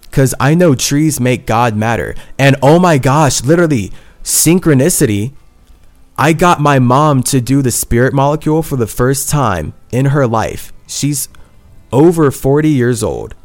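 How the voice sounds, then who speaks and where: A man hosting a solo podcast monologue, talking in an earnest, intense way and repeating his phrases. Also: medium pitch. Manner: earnest and intense, swings between heated and tender, repeats phrases. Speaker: podcast host.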